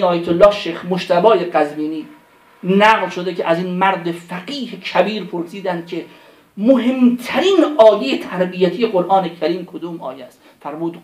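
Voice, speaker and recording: A man preaching a religious sermon, impassioned, pleading with rhetorical questions and reciting verses in Arabic. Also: sits high. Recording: roomy echo.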